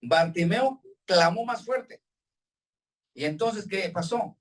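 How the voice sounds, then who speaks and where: A man preaching a sermon to his congregation as their pastor, with emphatic swings in pitch and loudness, calling them brothers. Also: expressive, slow pace, distant mic. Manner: addresses the congregation directly as brothers. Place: church hall with congregation and Zoom viewers.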